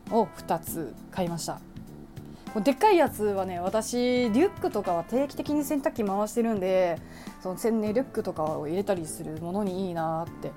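A young woman vlogger chats casually through a shopping haul, adding playful sound effects. Her voice is mid-range with a darkish tone.

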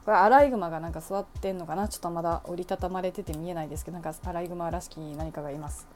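A woman's voice: lowish voice, racing, a little mellow, soft background music. A young woman chatting casually about her shopping, adding playful sound effects. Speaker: vlogger. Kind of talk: casual shopping haul vlog.

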